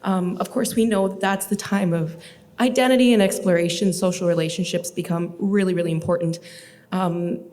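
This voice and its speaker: A woman's voice: lowish voice, steady tone, moderate pace, darkish tone. A woman puts a careful, tentative question from the floor at a conference. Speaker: audience questioner, social worker. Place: large hotel ballroom. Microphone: standing audience microphone.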